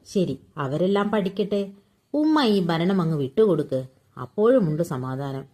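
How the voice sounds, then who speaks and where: A woman reading a story aloud in a calm, measured way. Her voice sits low and sounds mellow and warm. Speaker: story reader.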